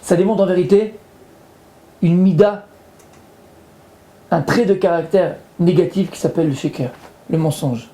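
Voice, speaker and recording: A man's voice: sits high, unhurried, pauses often, mellow, reverberant. A man, a rabbi, giving a Torah lesson, explaining patiently and repeating his points while weaving in Hebrew terms.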